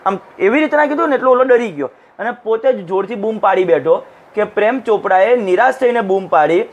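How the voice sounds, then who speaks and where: High-voiced male teacher explaining text. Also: lively intonation, fairly quick, dull audio. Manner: translates each English phrase into Gujarati and acts out lines. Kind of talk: classroom lecture explaining an English text. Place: recorded for an online class.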